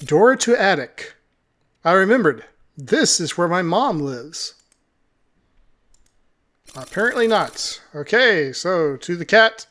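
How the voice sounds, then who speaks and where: Dude playing a game, slow and chill, pitch jumps all over, jokes about the text. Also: male voice, big pitch swings, bright, forceful tone. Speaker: let's play gamer. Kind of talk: casual gameplay commentary.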